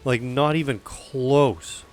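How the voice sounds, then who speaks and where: A man's voice: medium pitch, takes it slowly, soft background music. A man chatting casually while streaming a game, rambling and poking fun at himself. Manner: chatty, self-deprecating. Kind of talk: casual gaming chat.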